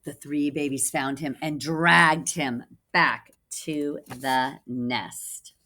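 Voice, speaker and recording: A woman reading a picture book aloud for children in an animated way, with asides to listeners. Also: sits low, slow, a little hiss or hum. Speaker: children's storybook reader, teacher. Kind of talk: expressive read-aloud for children.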